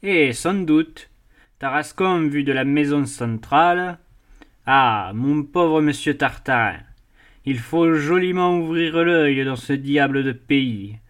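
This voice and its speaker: A man's voice: fairly high pitch, takes it slowly, smooth. A man voicing a jovial, mocking middle-aged sea captain who teases and laughs as he talks. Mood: mocking amused.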